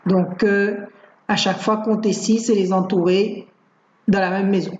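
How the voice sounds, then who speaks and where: A woman's voice: mid-range voice, a little slow, slight background noise. Patient teacher woman in a roomy room. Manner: calm, patient, hesitant with many fillers. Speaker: primary school teacher. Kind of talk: explaining worksheets in a screencast. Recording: roomy, dull lo-fi home recording.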